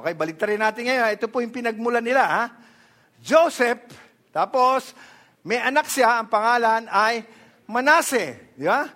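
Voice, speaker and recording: Animated high-voiced Filipino preacher man. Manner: animated preaching, mixing Tagalog with English, asking the congregation questions. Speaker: pastor. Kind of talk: sermon.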